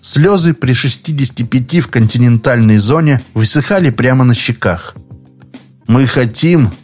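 A man narrating an audiobook in a measured, expressive storytelling manner. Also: medium pitch, soft background music.

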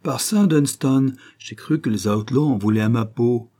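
A man voicing a cheerful old male peasant archer in a storybook reading, speaking in lively exclamations. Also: mid-range voice, moderate pace, lightly acted. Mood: delighted.

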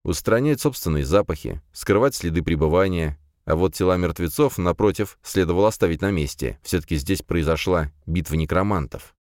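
Deep-voiced guy narrating a fantasy book, dry close mic, calm and steady. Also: fairly quick, few pauses, no room sound. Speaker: audiobook narrator. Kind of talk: scripted first-person fantasy narration.

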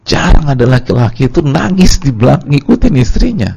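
A man with an Indonesian accent preaching at a religious study lecture, telling a story with lively, acted-out quoted voices. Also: medium pitch, brisk, creaky, husky. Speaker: Islamic preacher.

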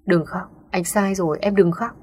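A woman's voice: mid-range voice, fairly even intonation, moderate pace, a little mellow, slightly rough, lightly acted. A woman voicing a drunk, remorseful young man who pleads and repeats himself. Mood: grieving.

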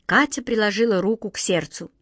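A woman narrates a fairy tale in an expressive, measured reading voice. Her delivery sits at an ordinary pitch. The recording is dry and close. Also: slightly rough, dry recording. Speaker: audiobook reader. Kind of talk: storybook narration.

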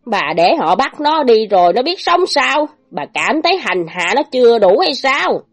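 A woman's voice: a little high, big pitch swings, normal speed, voice pushed up. A worried old village teacher pleads and protests in a raised, strained voice, as a woman puts him on. A storybook father caught between duty and despair. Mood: distressed. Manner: pleading, anxious, sometimes indignant.

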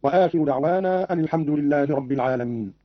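Radio guy explaining quran readings, formal and precise, kinda high voice, dull dry old sound. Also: quick pace, dry recording. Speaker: radio presenter.

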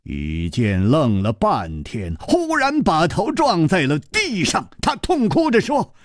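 Man in animated, slow storytelling. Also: a little high, no room sound, clean studio sound. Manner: animated, expressive narration. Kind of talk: traditional long-form storytelling.

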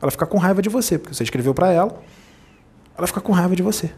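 Man, spiritual medium, channeled sermon, somewhat high voice, husky, admonishing, rhetorical questions. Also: expressive, rapid-fire, a little mellow.

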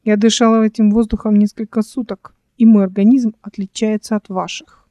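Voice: mid-range voice, little pitch movement, a little fast, warm tone, no room sound, muffled recording, close to an everyday voice. An audiobook reader voicing a stern, guarded woman captain who speaks curtly and commandingly. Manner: curt, commanding.

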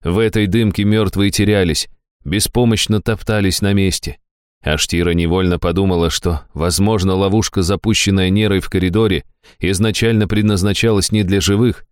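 A man reading a fantasy audiobook in scripted narration, with a measured, even delivery. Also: low voice, clean tone, no room sound, clean studio sound.

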